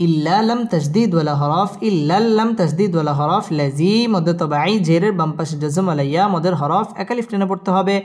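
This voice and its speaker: A man teaching recitation, who spells syllables out one by one and then intones each verse slowly. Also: high voice. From Bangladesh. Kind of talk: slow tajweed lesson, spelling and chanting. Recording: long reverb with faint music behind.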